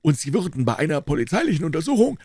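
A man's voice: a little high, rapid-fire, breathy edge, no echo, clean studio sound, voice pushed up. A man doing a cool-headed old doctor. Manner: calm, persuasive, clinical. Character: old male doctor, cool, calm, unshakable.

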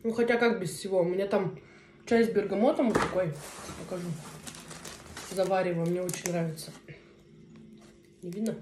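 A woman in her thirties chats casually to viewers as a mukbang vlogger, talking in short, unhurried phrases with pauses as she eats. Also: lowish voice, steady tone. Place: small indoor room at a table. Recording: roomy echo, faint noise, cutlery clinks. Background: cutlery and dishes.

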